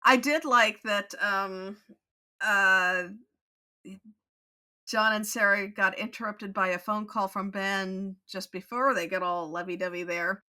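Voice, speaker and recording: A woman co-hosting a podcast in relaxed conversation. Her voice has a bright, clear edge. She talks easily, agrees often and laughs readily. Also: mid-range voice. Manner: agreeable, quick to laugh, frequent yeahs. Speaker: podcast co-host. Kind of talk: casual chat.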